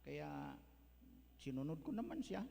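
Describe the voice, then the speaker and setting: A man's voice: a little high, big pitch swings, unhurried, gravelly, mellow. A male pastor, preaching a folksy sermon that mixes in English words. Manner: folksy, mixes English, tags lines with "ano?". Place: church hall. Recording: echoey church hall, faint hum.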